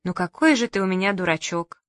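A woman's voice: fairly low pitch, animated, brisk, no room sound, clean studio sound, lightly acted. A woman voicing a modest, flustered young mother of four daughters. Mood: tender.

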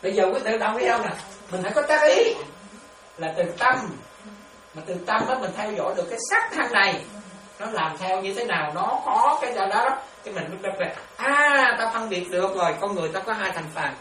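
A woman giving a dharma talk as a Buddhist nun, laughing often and checking again and again that her listeners follow. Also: mid-range voice. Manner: lively, laughs often, keeps checking understanding with questions. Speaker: Buddhist nun teaching meditation. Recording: echoey room, distant mic, noisy.

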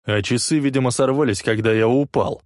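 A man doing a gruff, defiant tough guy. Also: medium pitch, slow pace, no echo, clean studio sound, pitched above the performer's own voice. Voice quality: gruff, barking. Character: angry defiant male suspect, tough and blunt.

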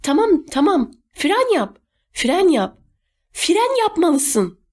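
A woman voicing a brisk, commanding adult male guide in an audiobook, giving urgent orders. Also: mid-range voice, animated, darkish tone, natural voice. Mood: shouting. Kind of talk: audiobook character voice.

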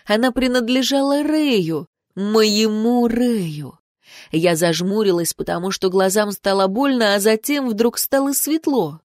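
Expressive woman audiobook narrator. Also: medium pitch, a little slow, dry recording, clean studio sound. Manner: expressive, animated reading. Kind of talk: first-person audiobook narration.

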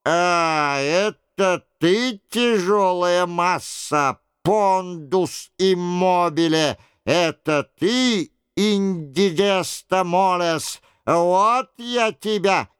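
A man's voice: high-pitched, drawn-out words, hardly any pauses, fairly bright tone, smooth, no echo, clean studio sound, heavily acted. A man voicing a vengeful jester who mocks and taunts in an audiobook. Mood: gleeful taunting. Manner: taunting, mocking. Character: mocking vengeful court jester, gleeful. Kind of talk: audiobook character voice.

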